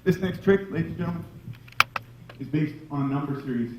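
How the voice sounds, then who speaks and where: A man's voice: fairly high pitch, fairly quick. A man performing a live comedy juggling act, with showman patter to the audience and self-mocking jokes. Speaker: stage juggler and comic. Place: indoor stage before a live audience. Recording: very echoey distant live room recording with loud noise.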